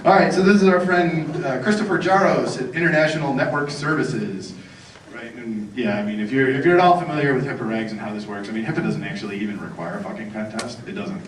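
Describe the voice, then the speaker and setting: A man's voice: mid-range voice, fast talker. A man giving a sarcastic, profane conference talk, mocking his targets and bantering with the audience. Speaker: conference speaker. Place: conference hall. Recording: echoey hall, distant mic, noisy.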